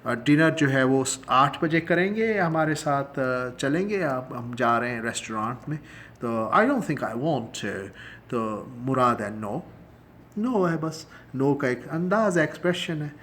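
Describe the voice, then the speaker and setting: A man's voice: medium pitch, lively intonation, a bit bright, slight background noise. Man teaching in a casual way. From Pakistan. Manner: explains in Urdu, slows down and stretches English phrases for emphasis; chuckles often, conversational with many fillers. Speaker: English teacher. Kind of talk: casual spoken lesson.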